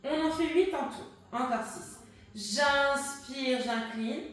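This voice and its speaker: High-voiced woman guiding a pilates workout. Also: slow. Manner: cues breathing and counts reps while exercising along. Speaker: pilates instructor. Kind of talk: guided workout instruction. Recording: echoey room, distant mic.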